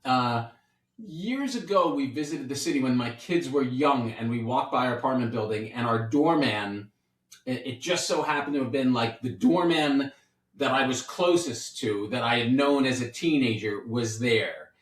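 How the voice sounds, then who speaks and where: A man's voice: mid-range voice, moderate pace. Man, 50s, podcast host, chatty, loose restarts, echoey room, distant mic. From New York City. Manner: chatty, playful, rambling with restarts. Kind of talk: casual podcast chat. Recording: roomy sound, set back from the mic.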